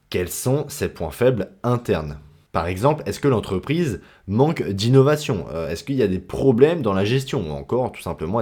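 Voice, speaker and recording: Low and dark in tone, this man teaches stock analysis in an easygoing, talkative style. His speech is packed with slang and fillers such as "bah" and "hein", typical of an informal investing educator.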